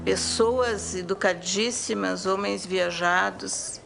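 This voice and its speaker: A woman reflecting in a measured way in an interview. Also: mid-range voice, steady tone, creaky, over loud music.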